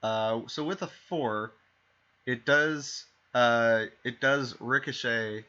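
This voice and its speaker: At a slow pace, a man with a bright, forceful, mid-range voice game-masters a streamed tabletop session. His talk is rambling and self-correcting, full of fillers and restarts, and the lo-fi stream mic sounds dull.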